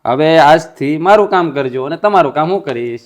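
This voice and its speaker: An actor playing a resentful younger brother who insists on taking over the business in a family drama. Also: male voice, fairly high pitch, lively intonation, brisk, lightly acted. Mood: defiant. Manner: defiant, insistent. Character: resentful younger brother demanding his share. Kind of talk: Gujarati family stage drama.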